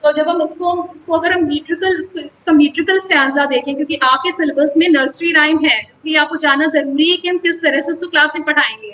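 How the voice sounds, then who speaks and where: A woman teacher giving a lesson on English pronunciation, slowly spelling out syllables and stressing words. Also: high-pitched, fairly even intonation, a bit bright, a little hiss or hum, poor audio.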